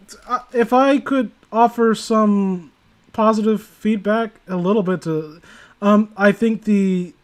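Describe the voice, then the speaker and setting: Taking it slowly in a voice that sits high, this man reads internet horror stories aloud and comments on them. He's casual and sardonic, prone to slipping in profane asides as he critiques.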